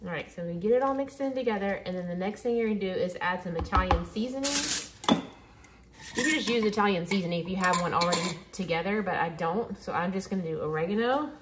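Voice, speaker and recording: With a fairly low pitch and a fast delivery, a woman chats casually through a home cooking video, working with her hands at the kitchen counter as she instructs viewers to cook along in a relaxed way. The overhead camera looks down on the counter, and the noisy background carries the clinking of dishes and pans.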